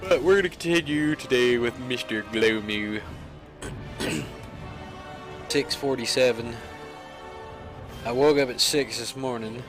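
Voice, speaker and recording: A man's voice: mid-range voice, unhurried, pauses often, over music. A man giving rambling, self-mocking, casual commentary while he plays a video game. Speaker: let's play gamer.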